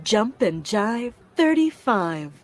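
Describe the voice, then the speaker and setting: Lady calling bingo numbers real slow, lively sing-song pitch, loud music under it. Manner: slow, measured, evenly paced calling. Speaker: bingo caller.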